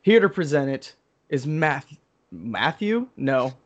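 A man's voice: mid-range voice, very animated, slow pace, muffled recording. A man hosting a podcast as a mock awards emcee, presenting in a casual, joking way.

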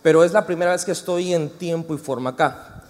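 A man with a Mexican Spanish accent talks a little fast in a slightly high voice as he preaches. He's lively, joking and chatting with the congregation, and the hall echoes around him.

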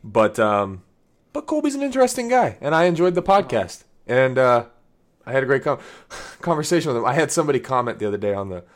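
A man hosting a podcast in casual chat, telling stories with lots of fillers and acting out what others said. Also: medium pitch. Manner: animated storyteller, acts out quotes; laughs often, many fillers. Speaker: podcast host.

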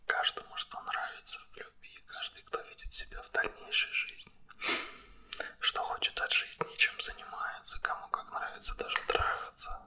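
A man whispers an ASMR monologue straight to the listener, breathy and unvoiced, close to the mic and right in the ear. His voice is a bit bright, and his wording is blunt and coarse.

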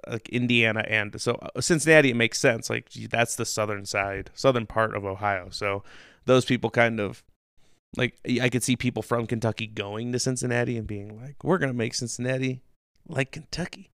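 A man from Illinois co-hosting a casual history podcast, chatty and joking with quick asides. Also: mid-range voice, steady tone, creaky, a bit bright, smooth, no room sound, studio quality. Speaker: podcast co-host.

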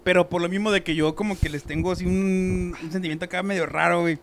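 A young man with a Mexican Spanish accent talks very fast in a casual chat. His voice sits a little on the high side, and his speech is full of slang. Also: steady tone, slight background noise. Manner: rapid, slangy.

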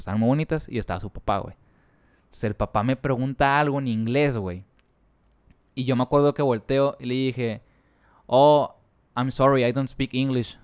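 A man's voice: medium pitch, darkish tone, clean tone, no room sound, clean studio sound. A young Mexican man with a Mexican accent, telling a story in a slangy casual chat.

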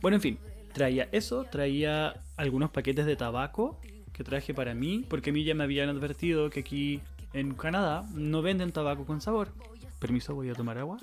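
A man's voice: a little high, lively intonation, moderate pace. A young Chilean man with a Chilean accent, telling a rambling story in casual podcast chat, full of slang and swearing. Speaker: podcast host.

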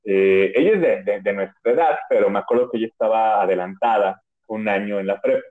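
A man's voice: on the low side, brisk. Mexican man rambling through a story. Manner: chatty, rambling, full of "o sea" and restarts. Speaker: podcast host. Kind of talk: casual storytelling. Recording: narrow phone-like audio.

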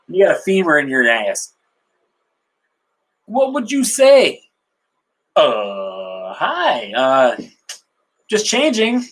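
A man's voice: high-pitched, a bit bright. Profane, laughing male podcast host. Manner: crude, profane, laughs often. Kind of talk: casual solo chat and joke-telling.

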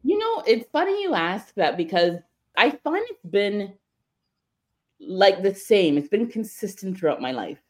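A woman co-hosting a podcast, talking casually and candidly in quick bursts. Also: medium pitch, sing-song, a little mellow. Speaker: podcast co-host.

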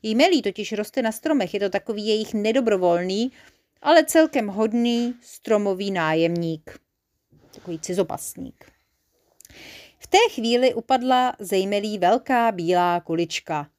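A woman reading a children's story aloud in a lively, expressive way. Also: medium pitch.

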